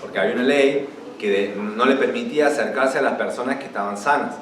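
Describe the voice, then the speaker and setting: Young pastor preaching. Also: male voice, mid-range voice, fast, a little hiss or hum. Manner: teaching, repeats key words, rises when reading scripture aloud. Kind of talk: sermon. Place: church. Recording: roomy church hall from far off, faint ambience.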